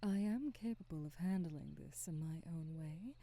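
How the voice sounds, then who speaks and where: Calm and measured in mood, a woman takes the role of a benevolent witch who has run her shop for hundreds of years, in an ASMR roleplay. Her low voice carries a gentle, motherly wisdom, delivered as a soft, breathy half-whisper in formal, soothing, unhurried phrasing, with no echo.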